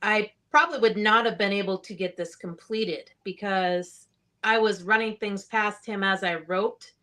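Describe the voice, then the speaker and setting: A woman's voice: medium pitch, normal speed, sharp tone. Guest, woman author; earnest, encouraging, plainspoken interview answers.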